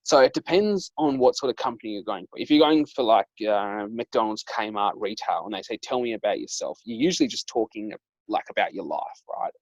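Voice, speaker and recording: A man's voice: lowish voice, expressive, brisk, a little mellow, dry recording, low-quality recording. Chatty young man, dry sound. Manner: chatty storyteller, lots of "like" and "um". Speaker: dating coach and host. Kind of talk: casual chat.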